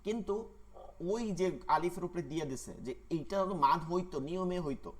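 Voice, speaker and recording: A man, teaching an online tajweed class and patiently repeating words slowly to show their pronunciation. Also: high-pitched, lively intonation. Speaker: Quran recitation teacher.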